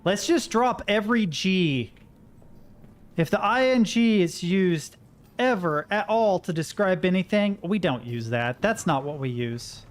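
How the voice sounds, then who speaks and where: American man, slightly high voice, casual game streamer, talks to himself, reads in-game text aloud. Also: animated, unhurried. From Kentucky, United States. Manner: talks to himself while playing. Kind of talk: casual livestream gameplay commentary mixed with reading in-game notes aloud.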